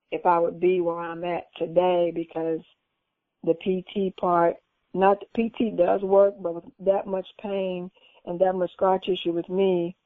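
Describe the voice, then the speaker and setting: A woman's voice: fairly low pitch, dry recording. A woman patient casually telling the story of her knee recovery, acting out what people said to her with vivid jumps in voice. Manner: animated, acts out quoted dialogue in a raised voice. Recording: tinny phone-line audio.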